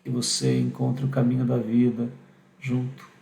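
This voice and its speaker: A man with a Brazilian Portuguese accent giving an animated religious teaching, acting out imagined voices and often adding a questioning "né?". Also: medium pitch, normal speed, creaky, reverberant, slight background noise.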